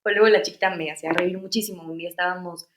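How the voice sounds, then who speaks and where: A woman's voice: fairly low pitch, steady tone, very fast, roomy sound. A Mexican woman in her thirties, an interview guest chatting casually about her experiences, with many fillers and restarts. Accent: Mexican Spanish. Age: 30s. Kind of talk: casual storytelling.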